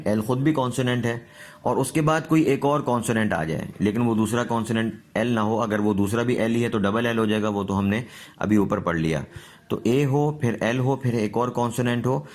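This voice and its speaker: A man's voice: lowish voice, darkish tone. A man teaching English pronunciation in a recorded lesson, patiently repeating word lists and checking that his students follow.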